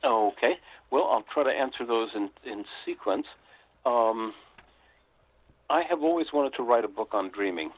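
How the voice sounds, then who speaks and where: Over a tinny phone line, an older American man appears as a guest author in a storytelling interview, recounting a story reflectively with frequent pauses. His medium-pitched voice is animated, and the recording is dry.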